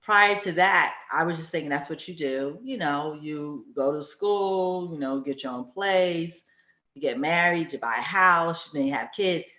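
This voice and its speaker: This low, unhurried voice belongs to a woman in her fifties whose delivery is pushed and bright. She's in a casual chat, spinning stories and voicing other people's lines. A dull, echoey room surrounds her.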